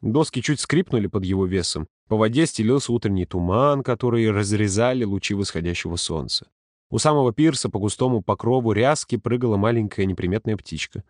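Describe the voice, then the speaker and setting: A man narrating a story in a calm, steady audiobook reading. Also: lowish voice, brisk, no room sound, clean studio sound. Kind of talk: scripted narration.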